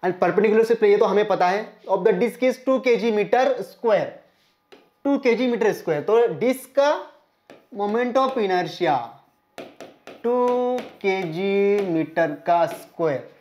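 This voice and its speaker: A woman teaching a physics lesson, working through exam problems. She reads each question in English, explains it in Hindi, keeps calling her listeners friends and asks them questions as she goes. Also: a little high. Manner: asks rhetorical questions to the class.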